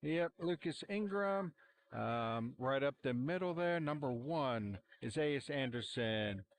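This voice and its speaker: A man calling a high school football game, relaxed and rambling with plenty of fillers. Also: takes it slowly. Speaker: play-by-play commentator. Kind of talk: amateur sports commentary. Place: outdoor football stadium sideline. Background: cheering fans.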